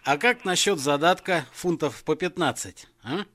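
A man's voice: a little high, expressive, normal speed, a bit bright. A man voicing a cheeky young male musician who drawls offhand remarks after drinking.

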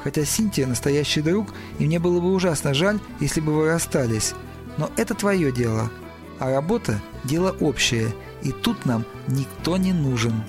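A dry, sardonic young musician, as a male narrator reads him, calm and measured with a slightly high voice. Soft music sits under the storybook reading. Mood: wry. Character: wry, level-headed young male musician.

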